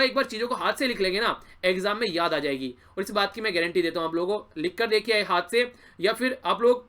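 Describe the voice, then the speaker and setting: Fast, bright-voiced male current affairs teacher. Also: sits high. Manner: chatty, encouraging, addresses viewers directly. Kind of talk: exam-prep news lesson.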